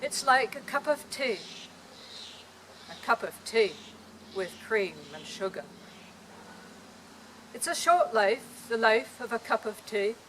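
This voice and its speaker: A woman voicing a gentle, thoughtful older British male artist in an attempted English accent, speaking slowly and tenderly outdoors. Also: on the high side, expressive, a little hiss or hum, low-quality recording. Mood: musing. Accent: English, as put on. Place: outdoor park.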